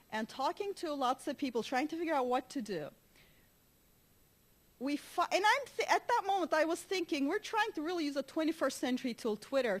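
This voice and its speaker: A woman from Turkey giving a conference talk, telling stories in an animated way with frequent laughs and restarts. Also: sits high. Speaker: conference speaker.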